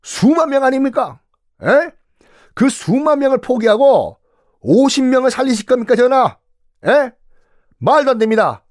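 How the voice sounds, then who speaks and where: A man's voice: sing-song, normal speed, long pauses, a little mellow, no room sound, clean studio sound. A man voicing a blunt, outspoken old male royal minister who pleads urgently with his king. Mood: pleading. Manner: pleading, urgent, high-pitched.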